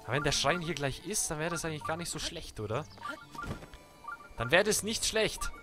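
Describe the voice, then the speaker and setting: A young man with a German accent, chatting excitedly to viewers while playing a video game. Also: on the high side, brisk, over music. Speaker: let's play gamer. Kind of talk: live game commentary.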